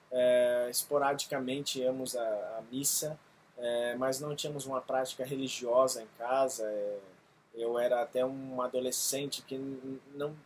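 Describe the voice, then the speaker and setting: A missionary pastor tells his testimony earnestly, often pausing on fillers. His voice sits at an ordinary pitch for a man. A faint hiss of room noise stays under his words. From Brazil. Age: 30s. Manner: earnest, halting with frequent fillers. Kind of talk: testimony video.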